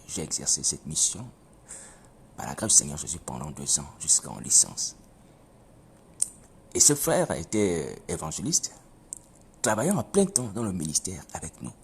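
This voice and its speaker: Man, very deep voice, lively pitch, preacher's testimony, halting and repetitive, asks listeners questions. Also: gravelly, a little hiss or hum. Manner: halting, repeats phrases, asks listeners "you see?". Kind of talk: spoken personal testimony. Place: living in Europe.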